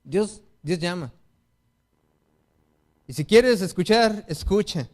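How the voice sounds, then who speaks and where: A man with a Mexican Spanish accent delivers a sermon in a high voice, earnest and direct with his congregation. He often slips into short acted-out exchanges and quoted excuses to make his point. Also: expressive, slow. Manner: earnest, appeals to the congregation as brothers; acts out excuses and dialogue in quotes. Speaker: preacher.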